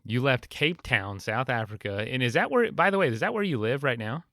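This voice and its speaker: A man's voice: mid-range voice, expressive, a little fast, fairly bright tone, dry recording, studio quality. A man hosting a podcast, introducing and interviewing a guest in a casual, upbeat way. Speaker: podcast host.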